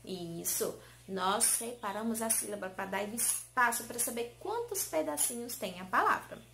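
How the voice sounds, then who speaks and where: A woman teacher giving a lesson to small children, in a sing-song way, stretching key words slowly and coaxing answers with questions. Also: on the high side, lively intonation, vocal fry, pushed and bright, slight background noise. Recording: roomy echo.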